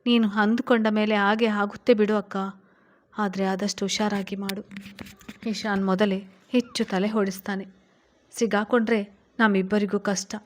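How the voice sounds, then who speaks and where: A woman's voice: medium pitch, level tone, normal speed, pauses often, natural voice. A worried younger sister, as a woman reads her aloud, anxiously urging care in a storybook reading. The voice stays close to the narrator's own. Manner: warning, anxious.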